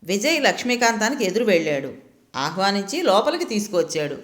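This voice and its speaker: A woman narrates a story with expressive, lilting reading. Her pitch moves freely up and down. The room around her gives a clear echo. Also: brisk. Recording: roomy echo.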